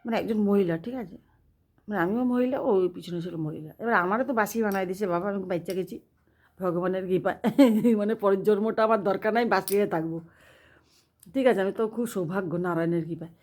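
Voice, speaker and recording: A woman's voice: medium pitch, fast talker. Laughing woman telling a comic tale. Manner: animated, laughing, chatty. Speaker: cooking channel host. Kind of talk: casual comic monologue.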